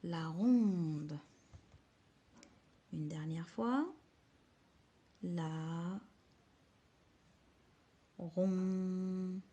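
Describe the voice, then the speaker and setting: A woman teacher guides children through a handwriting lesson at a very slow pace, sounding out each letter and syllable. Her voice is dark and mellow with a husky edge, and she often drops to a near whisper. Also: lowish voice, dull audio.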